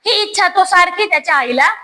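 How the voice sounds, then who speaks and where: Bright high-voiced woman teaching children. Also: expressive, fairly quick, rough recording. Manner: warm storytelling tone, addresses students directly. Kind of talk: explaining a devotional text to schoolchildren.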